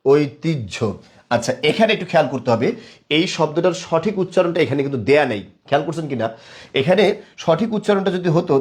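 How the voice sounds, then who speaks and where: A young man teaching a live online class, quizzing viewers and praising them again and again. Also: a little high. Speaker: online tutor.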